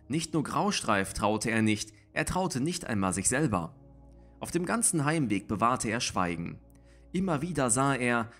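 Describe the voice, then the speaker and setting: A man reading a story aloud in a steady, expressive narration. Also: medium pitch. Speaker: audiobook reader.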